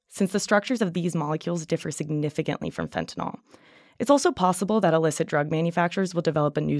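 Fast, gravelly low-voiced woman reporting. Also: darkish tone, no echo, clean studio sound. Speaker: science reporter. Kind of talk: scripted news report.

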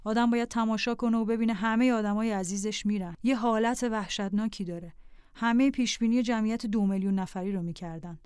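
Calm woman reading a diary aloud. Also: medium pitch, clean tone, dry recording, studio quality. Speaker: narrator. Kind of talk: scripted memoir narration.

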